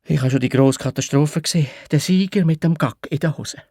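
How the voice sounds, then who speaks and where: A man's voice: a little high, a little fast, dry recording. A man with a Swiss German accent narrating a children's audio story in a playful, childlike first person. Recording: dry studio read with soft music.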